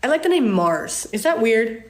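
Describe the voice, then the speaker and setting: A woman's voice: on the high side, sing-song, moderate pace. A woman in her twenties casually answering viewer questions to her phone, chatty and candid, with frequent ums and laughs. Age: 20s. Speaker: social media creator answering fan questions. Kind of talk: casual Q&A chat.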